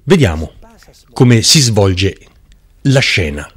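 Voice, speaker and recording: Slow, emphatic male preacher. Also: fairly low pitch, very animated, slightly rough. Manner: emphatic, deliberate, rhetorical. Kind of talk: Bible-teaching sermon.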